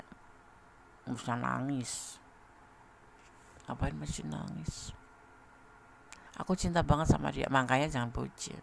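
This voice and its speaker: Tarot reader, male, very gravelly, chatty, laughs a lot, talks straight at the listener. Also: mid-range voice, slight background noise. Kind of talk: casual tarot reading to a viewer.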